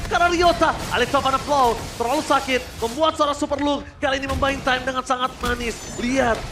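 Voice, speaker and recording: High-pitched Indonesian man, hyped game announcer. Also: fairly even intonation. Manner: shouted, drawn-out hype calls. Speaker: esports match caster. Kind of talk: excited play-by-play commentary in the manner of a fighting game announcer. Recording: music behind the voice. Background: music.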